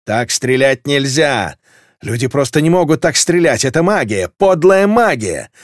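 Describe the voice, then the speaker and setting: A man's voice: medium pitch, very animated, a little slow, no room sound, studio quality. A man voicing a fierce, foul-tempered woman ship admiral, barking curt orders in an audiobook. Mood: furious.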